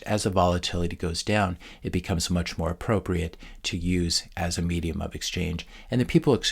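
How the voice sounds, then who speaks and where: A man hosting his own channel, giving a steady educational talk with occasional fillers. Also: deep voice, creaky, slightly rough. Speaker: channel host and teacher. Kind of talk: educational monologue.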